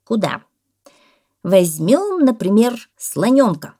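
A woman voicing a pompous male parrot who lectures loudly and exclaims often. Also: mid-range voice, sing-song, a little slow, pitched above the performer's own voice. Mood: lecturing.

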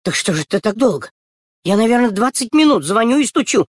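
A woman voicing a fussy mother who exclaims in dismay at her daughters, a little higher than her own voice. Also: very animated, brisk, slightly rough, dry recording, studio quality. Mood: worried. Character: fussing exasperated mother of two girls.

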